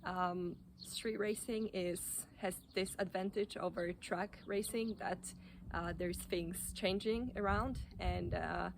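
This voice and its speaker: A woman giving informal running advice in a halting, hesitant way, often restarting her sentences. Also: on the low side, steady tone, gravelly, background noise. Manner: hesitant, halting delivery with repeated self-corrections. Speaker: running coach or athlete giving tips. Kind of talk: informal advice talk to camera.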